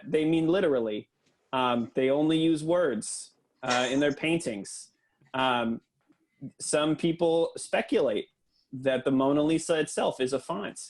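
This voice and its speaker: Man giving a deadpan mock lecture. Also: on the high side. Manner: earnest lecturer tone with hesitant fillers. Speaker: improv comedian presenting a mock lecture.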